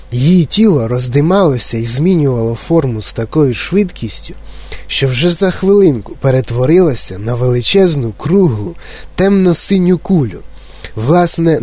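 Guy reading a kids audiobook, animated storytelling, voice on the higher side. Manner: lively, expressive storytelling. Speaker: narrator.

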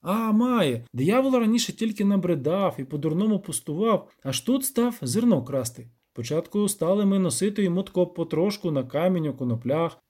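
Чоловік грає метушливого селянина з високим голосом. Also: male voice, high-pitched, very animated, moderate pace, hardly any pauses, a little mellow, breathy edge, voice pushed up, full character voice. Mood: anxious, rambling. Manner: folksy, rambling. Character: nervous rustic peasant man, talkative.

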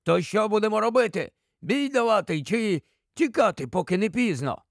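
A man voicing a surly, quarrelsome male dwarf who talks in an irritable, shouting way, in an audiobook. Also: sits high, animated, moderate pace, no room sound, studio quality.

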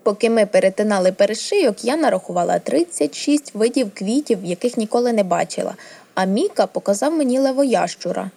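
A woman reading a storybook, voicing a lively, stubborn tomboyish young noble girl with loud, eager exclamations. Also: mid-range voice, brisk, gravelly. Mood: bossy.

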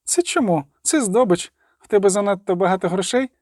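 A man voicing a brash, sharp-tongued young woman thief in an audiobook reading. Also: high voice, fairly quick, no echo, studio quality, voice pushed up. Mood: cheeky. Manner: cheeky and scolding.

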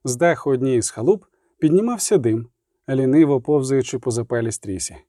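A man reading a story aloud as narrator, in a measured, expressive way, close to the mic. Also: medium pitch, no echo. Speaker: audiobook narrator. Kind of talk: scripted narration.

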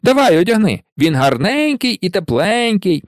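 A man voicing a joking teenage twin boy who teases quickly. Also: high voice, big pitch swings, dry recording, studio quality, voice pushed up.

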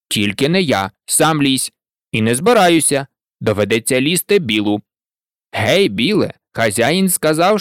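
A rowdy bunch of small animal workers bickering and shouting over each other, acted out by a woman. The voices leap up and down. It sounds dry and close, like a storybook read. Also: low voice, no echo. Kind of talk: audiobook character voices.

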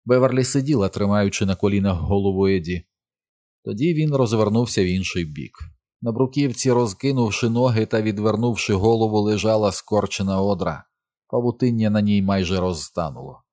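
A man reading an audiobook as narrator in a steady, measured way. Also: lowish voice, no echo, clean studio sound. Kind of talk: scripted narration.

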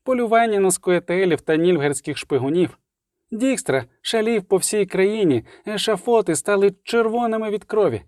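Dandelion, a man doing an excitable raised voice. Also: high voice, moderate pace, dry recording, clean studio sound, voice pushed up. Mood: agitated. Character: talkative, excitable man bringing grim news.

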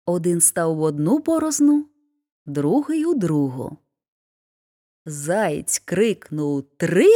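A woman narrating a fairy tale aloud in an expressive storybook reading. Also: fairly low pitch, slow, pauses often.

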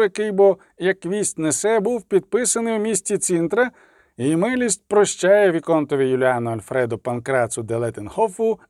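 A man's voice: high-pitched, a little mellow, no room sound, studio quality, pitched above the performer's own voice. A man doing a gloomy, pompous court official. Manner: solemn, proclaiming.

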